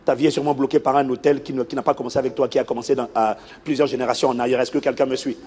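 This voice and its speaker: A man preaching a sermon as a pastor, telling a story in an animated way and acting out the people in it. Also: mid-range voice, very fast. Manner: animated storytelling, acts out the people in his stories.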